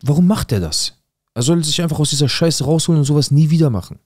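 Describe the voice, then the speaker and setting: A man doing an exasperated, high-pitched uncle. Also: animated, quick pace, darkish tone, dry recording, studio quality. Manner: heated, incredulous, scolding. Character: exasperated uncle, baffled and scolding.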